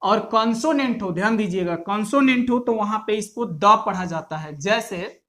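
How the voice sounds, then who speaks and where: A man's voice: sits high, moderate pace, sharp tone. A man teaching English pronunciation in a classroom style. He is patient, repeats each point and asks his class questions.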